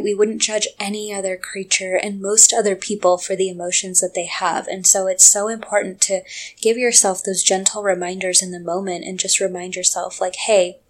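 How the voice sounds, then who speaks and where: A young woman giving a gentle, reassuring talk on emotional healing, speaking straight to the listener. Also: medium pitch. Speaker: self-help speaker.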